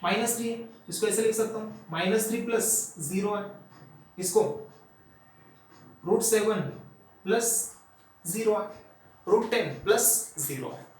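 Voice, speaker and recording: A man's voice: high-pitched, unhurried, pauses often. A male math teacher with an Indian accent giving a classroom lecture, mixing Hindi and English and putting questions to the students. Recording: echoey room, voice from far off.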